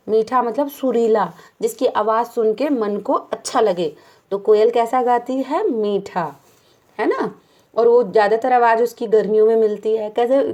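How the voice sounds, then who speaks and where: A woman's voice: on the high side, warm tone. A woman teaching a poem to young children in a patient way, asking questions and answering them herself, with English phrases mixed into her Hindi.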